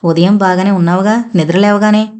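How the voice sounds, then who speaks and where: A woman's voice: medium pitch, fairly even intonation, a little fast, natural voice. A woman reading the lines of a teasing college-girl younger sister in an audio novel. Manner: teasing, bright questioning.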